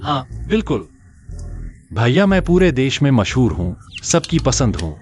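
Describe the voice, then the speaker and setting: A man's voice: mid-range voice, very animated, measured pace, a little mellow. An actor playing a cocky, wisecracking young man in a dubbed drama. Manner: cocky and teasing. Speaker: brash hero.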